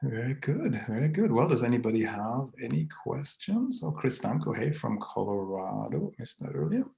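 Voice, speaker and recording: A man's voice: mid-range voice, sing-song, moderate pace, vocal fry, mellow, roomy sound. A man hosting a casual live online Q&A. He reads viewer comments aloud, greets people by name, and chuckles often.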